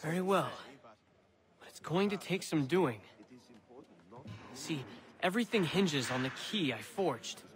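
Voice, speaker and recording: A man's voice: on the high side, lively intonation, measured pace, pauses often. A man playing an eccentric, talkative prisoner in a video game, scheming and theatrical, with a wry manner. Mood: probing, wry. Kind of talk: video game dialogue acting.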